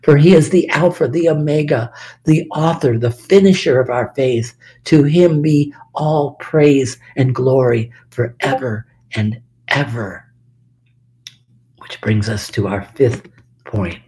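An older man teaching a Bible study in a slow, deliberate sermon style, leaning hard on key words. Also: mid-range voice, mellow. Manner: emphatic, lingers on key words, sometimes drops to a whisper.

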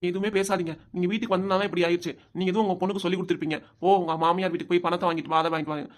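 A woman's voice: on the low side, steady tone, very fast, close to an everyday voice. A woman voicing a hot-headed young grandson in a cartoon, speaking with a Tirunelveli Tamil accent in a stubborn, confrontational way. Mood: angry.

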